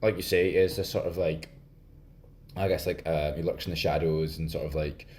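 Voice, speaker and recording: A man's voice: extremely low pitch, fairly even intonation, moderate pace, a little mellow, a little hiss or hum. A Scottish man co-hosting a podcast, talking casually about film with many fillers and restarts. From Scotland. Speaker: podcast co-host.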